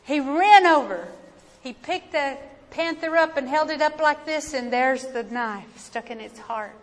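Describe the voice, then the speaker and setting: Woman storyteller, Appalachian accent, fairly high voice, unhurried, folksy and dramatic, reverberant hall. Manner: folksy, dramatic, deliberate with pauses. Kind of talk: oral family storytelling, live performance. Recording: echoey hall with noticeable background noise.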